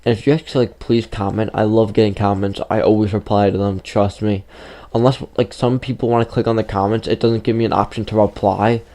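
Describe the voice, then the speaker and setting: Losing his voice as he goes, a fifteen-year-old gaming YouTuber wanders through a story over gameplay, full of fillers. His pitch sits fairly low and his tone is warm, but his delivery is flat, a bit fast, and has few pauses.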